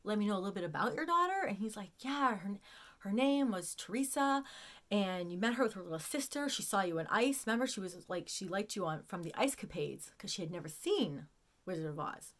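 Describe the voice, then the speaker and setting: A woman's voice: medium pitch, sing-song, a bit bright. Emotional woman telling a story. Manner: emotional, near tears at times; halting, repeats words. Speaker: vlogger telling a personal story. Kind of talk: casual storytelling.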